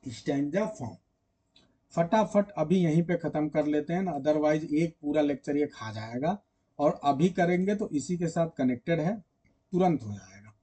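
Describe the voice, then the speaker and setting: A man's voice: a little high, normal speed, dark tone, slightly rough. A man teaching literature in a casual online lecture, chatting directly with his students and drawing out words when he sings an example.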